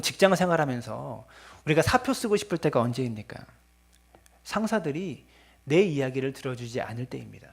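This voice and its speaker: A man's voice: mid-range voice, gravelly, slightly rough. A man, a pastor, preaching a Sunday sermon, often addressing the congregation directly and briefly acting out scolding parents. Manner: earnest preaching, acts out scolding parents in quoted lines.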